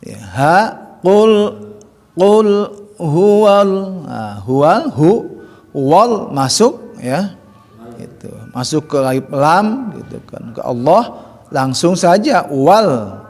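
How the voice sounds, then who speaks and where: A man's voice: fairly high pitch, sing-song, slow, a little mellow, husky. A man teaching Quran recitation, drilling letter sounds in chanted syllables. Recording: long hall reverb.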